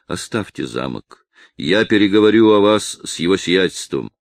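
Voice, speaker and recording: A man voicing an old village elder who loudly pleads with and commands rebels, read in an audiobook. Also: deep voice, animated, normal speed, vocal fry, dry recording, studio quality. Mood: urging. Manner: loud impassioned pleading. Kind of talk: audiobook character reading.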